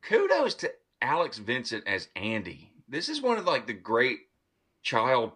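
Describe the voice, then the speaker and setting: Man, podcast host, casual film chat, enthusiastic, swears freely, mid-pitched voice. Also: huge pitch swings, a little slow, sharp tone, slightly rough. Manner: enthusiastic, profane, retells scenes. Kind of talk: casual movie review chat.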